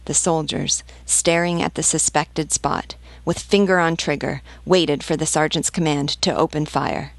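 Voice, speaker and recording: Low, gravelly woman narrating a classic novel. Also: unhurried, few pauses, no echo. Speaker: audiobook narrator. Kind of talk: scripted reading of a classic novel.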